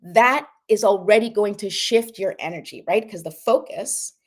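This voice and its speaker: A woman with a medium-pitched voice speaks at normal speed as she hosts a casual motivational talk. She encourages listeners and often asks "right?" to check in with them.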